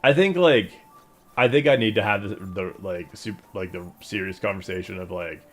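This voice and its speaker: A man's voice: on the low side, moderate pace, faint music behind. A young man chatting casually on a live game stream in slangy, profane, laid-back bro talk. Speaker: teacher. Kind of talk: casual live stream chat while gaming.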